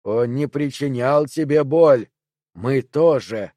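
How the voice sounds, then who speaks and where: A man voicing slow, coaxing parasite voices. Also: dark tone, dry recording, natural voice. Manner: slow, low, coaxing and insistent. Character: parasitic triangles, a many-voiced thing coaxing murder.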